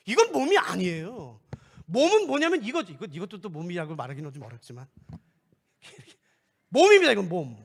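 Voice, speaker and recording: A middle-aged male pastor preaching a sermon in an animated, playful way, acting out little scenes. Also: sits high, fairly quick, gravelly. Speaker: guest pastor. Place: church sanctuary.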